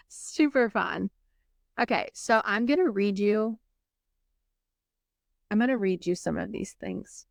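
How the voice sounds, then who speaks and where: A woman's voice: medium pitch, a little slow, vocal fry, long pauses, dry recording, clean studio sound. A young woman hosting a podcast, telling a personal story candidly and emotionally, acting out what others said and swearing now and then. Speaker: podcast host.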